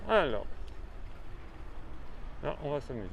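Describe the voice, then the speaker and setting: A man's voice: mid-range voice, very animated, measured pace, vocal fry, noisy background. A man riding a bike on a city road, talking casually to his viewers, his speech slightly muffled by a helmet and balaclava. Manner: chatty, thinking aloud, frequent fillers. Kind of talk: casual running commentary.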